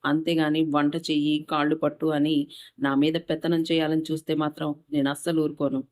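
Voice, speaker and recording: A woman reading a story aloud voices a furious, bossy young wife who scolds and shouts. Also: low-pitched, steady tone, fairly quick, natural voice. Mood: scolding.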